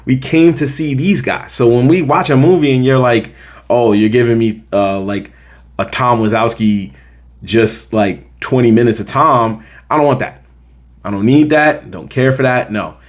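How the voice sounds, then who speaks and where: Speaking to camera, an American film review host delivers a casual, opinionated take on a movie. His mid-range voice moves at a moderate pace as he emphatically repeats points to hammer them in.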